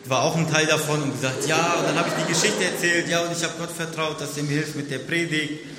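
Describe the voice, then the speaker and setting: A man's voice: a little high, fast talker, noisy background. A young man giving a sermon, in a conversational storytelling manner, to a congregation. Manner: conversational, storytelling, lively emphasis. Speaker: preacher. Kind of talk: sermon with audience demonstration. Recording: echoey hall with long reverb.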